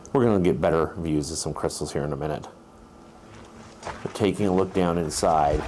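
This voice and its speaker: A man's voice: low voice, a little mellow, a little hiss or hum. A man presenting an outdoor exploration vlog, explaining things in an informal, instructive way. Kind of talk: casual explanatory vlog narration. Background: music.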